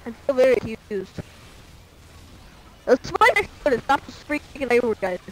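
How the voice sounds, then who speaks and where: A woman talks through a video game in a casual, excitable way. Her voice sits fairly high and swings widely in pitch as she calls out what happens on screen. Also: normal speed, rough recording. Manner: excitable, chatty, prone to shouting out. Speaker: gaming commentator. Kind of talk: casual gameplay commentary.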